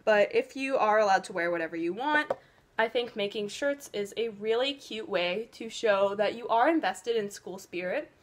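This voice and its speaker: A woman's voice: medium pitch, expressive, normal speed. Chatty teen girl giving cheer advice. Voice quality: loud voice. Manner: chatty, filler-heavy, earnest advice. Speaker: beauty vlogger. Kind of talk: casual get-ready-with-me chat.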